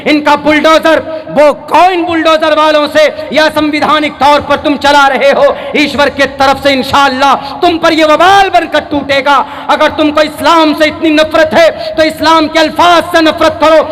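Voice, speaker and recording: This is forceful, very high-pitched male preaching, fiery and aimed at a crowd, captured as noisy public address audio with long, heavy reverb. He recites scripture mixed with English words, speaking in an emphatic, declamatory way and repeating phrases for stress.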